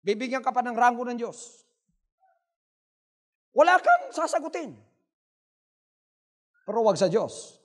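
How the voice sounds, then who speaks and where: A male pastor delivers a fiery sermon, dropping to hushed asides before rising into shouts. His voice sits very high for a man. Long reverb from a large church hall trails each phrase. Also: sing-song, measured pace, pauses often.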